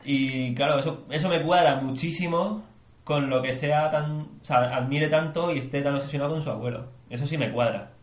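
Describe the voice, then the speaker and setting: A man co-hosting a podcast in casual chat, excitable and swearing as he weighs ideas aloud. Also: a little high, moderate pace, reverberant. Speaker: podcast co-host.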